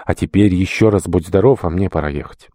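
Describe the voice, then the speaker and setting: A man voicing a stern older archpriest who admonishes in firm, measured speech. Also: low-pitched, warm tone, no room sound, studio quality. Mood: admonishing. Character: stern elderly male archpriest, grave and admonishing. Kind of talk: audiobook character voice.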